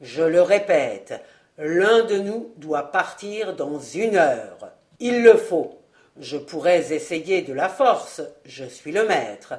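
A woman voicing a scheming nobleman who commands his servants, speaking slowly and weighing each word, pitched lower than her own voice. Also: lively intonation, a little mellow. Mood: cold, commanding.

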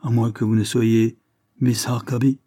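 A man voicing a frank, hearty retired colonel, older, in an audiobook reading, with an emphatic, lively delivery. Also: medium pitch, unhurried, dry recording, clean studio sound, lightly acted. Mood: embarrassed.

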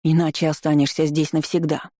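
A small pet dragon pleads and urges in an anxious rush, as a storyteller puts him on. The tone is mellow and warm. The audiobook recording is close and dry. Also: medium pitch, completely flat delivery, brisk, dry recording, close to an everyday voice. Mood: urgent. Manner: pleading, urgent. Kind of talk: audiobook reading.

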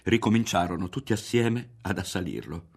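Low-voiced male audiobook reader. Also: normal speed, gravelly, breathy edge. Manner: dramatic, expressive narration. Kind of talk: literary reading with voiced characters.

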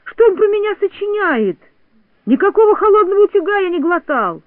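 A man voicing an excitable, hasty little boy who shouts in shrill indignation. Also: fairly quick, no room sound. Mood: indignant. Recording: tinny phone-like dry sound.

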